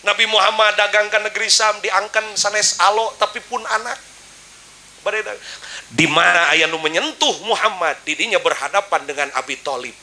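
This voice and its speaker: A man's voice: high-pitched, normal speed, pushed and bright, poor audio. A man with a Sundanese accent preaching a humorous sermon, joking with the audience and breaking into sung praise. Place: outdoor religious gathering.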